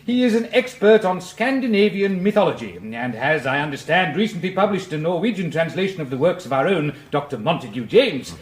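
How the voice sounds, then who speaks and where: A man's voice: a little high, very animated, a little fast, hardly any pauses, echoey room. A man playing a formal, flustered chairman who introduces a guest speaker in a radio drama. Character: anxious lecture chairman, polite Englishman.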